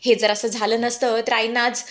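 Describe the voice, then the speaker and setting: A proud young wife who refuses to stay, firm but pleading, as a woman narrator reads her lines. The voice sits slightly high. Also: flat delivery, moderate pace, natural voice.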